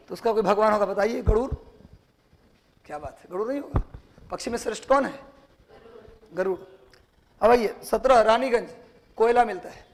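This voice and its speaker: A teacher with a Bihari Hindi accent gives a classroom lecture in a notably high voice. He constantly quizzes his students and repeats every answer so they can write it down.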